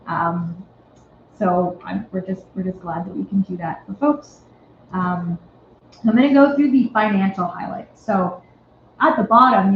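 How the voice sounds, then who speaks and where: A woman's voice: mid-range voice, a little hiss or hum. A woman on a festival board giving a casual presentation at an annual meeting, chatty and wry, with lots of ums and likes. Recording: echoey, phone-like tinny sound.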